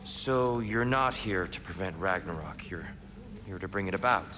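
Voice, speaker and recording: An actor playing a humble, world-weary pacifist god in a video game, earnest and soft-spoken. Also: male voice, sits low, normal speed, noisy background, close to an everyday voice. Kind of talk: video game character acting.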